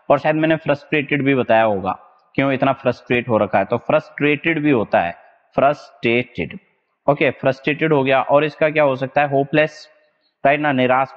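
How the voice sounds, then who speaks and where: Indian man, exam vocab teacher, lo-fi with long reverb, keeps checking students follow. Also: medium pitch. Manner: drills words, keeps asking "is that clear?". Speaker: exam-prep English teacher. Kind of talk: online vocabulary lesson.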